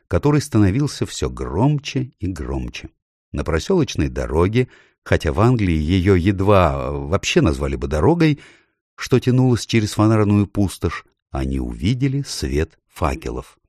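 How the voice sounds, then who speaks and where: Male audiobook narrator, very low voice, lively delivery, dry close sound. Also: no echo. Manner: expressive, dramatic reading. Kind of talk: scripted narration.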